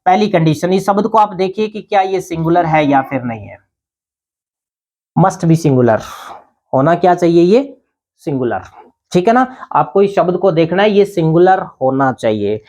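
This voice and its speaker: A man's voice: a little high, expressive, moderate pace, dark tone. Guy teaching grammar class, asks his own questions then answers em, keeps checking "thik hai na". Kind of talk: grammar lesson.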